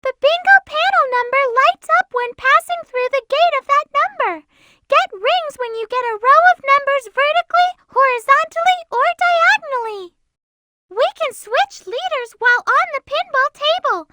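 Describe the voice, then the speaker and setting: A woman voicing a sweet, gentle young girl rabbit in a video game, who speaks politely and addresses others as "Mister". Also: extremely high pitch, expressive, normal speed, background noise. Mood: instructive. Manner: polite, says "please" and "Mister".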